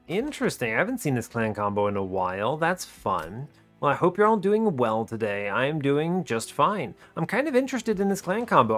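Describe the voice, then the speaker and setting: The host of a gaming video series chats informally over gameplay, reasoning out loud about his strategy. His voice is medium in pitch and a bit bright.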